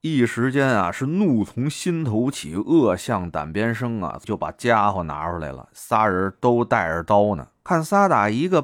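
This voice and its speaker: A man spins a colloquial story, and his pitch swings up and down in a lively way. His delivery is chatty and full of erhua. The sound is dry and close. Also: no room sound.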